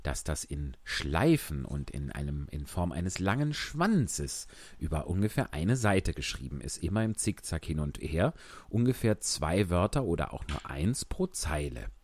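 A man reads a children's story with a lively, expressive voice that rises and falls a lot. The recording is close and dry, with no room sound. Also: deep voice, slightly rough, dry recording. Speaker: audiobook reader. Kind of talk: storybook narration with asides.

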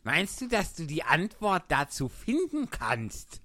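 A man voicing a fussy, grumpy march hare in a storybook reading, drawn-out and raised. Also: a little high, wildly swooping pitch, bright, forceful tone, no echo, pitched above the performer's own voice, heavily acted. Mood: testy. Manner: drawling, testy.

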